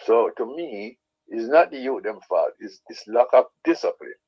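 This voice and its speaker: A man with a Jamaican accent and a husky voice, ranting as a caller to a radio show, insistently repeating his points with tag questions. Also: mid-range voice, lively intonation, moderate pace. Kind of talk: opinionated radio call-in rant. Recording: dull lo-fi sound.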